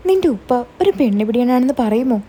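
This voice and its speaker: A woman's voice: fairly high pitch, animated, fast, slightly rough. A woman voicing a kindly, protective older man. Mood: persuading. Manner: gentle, consoling. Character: kindly middle-aged man, protective and reassuring. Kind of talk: storytelling, quoted dialogue.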